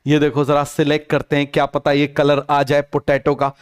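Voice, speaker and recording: In this online class lecture, a young man gives a biology lesson in a rather high voice that stays completely flat, at normal speed and with a clean tone. Mixing English terms into Hindi, he repeats every term more than once and answers his own questions.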